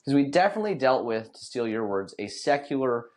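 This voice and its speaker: A man's voice: medium pitch, sing-song, a little fast, darkish tone. A man co-hosting a podcast in casual chat, rambling with many restarts and fillers. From Northern California. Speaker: podcast co-host.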